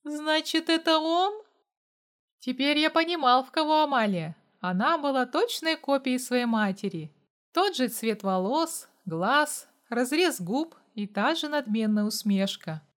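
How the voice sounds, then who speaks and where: A woman reads a first-person audiobook story with dramatic, even-paced delivery. Her voice sits somewhat high for a woman, steady and clear through long narrated passages. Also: unhurried. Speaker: audiobook reader.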